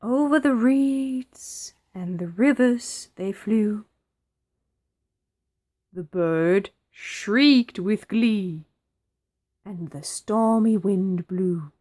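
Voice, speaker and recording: A woman reading a children's picture book aloud, with expressive, dramatic pauses. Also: mid-range voice. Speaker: storybook reader.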